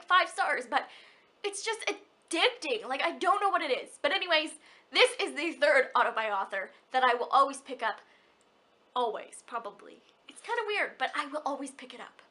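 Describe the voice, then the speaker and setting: A young woman with a high, bright voice talks about books she loves. She gushes and rambles in a hyper way, often stopping and restarting her sentences. The talk is casual and personal. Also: expressive, brisk. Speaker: book vlogger. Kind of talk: casual chat.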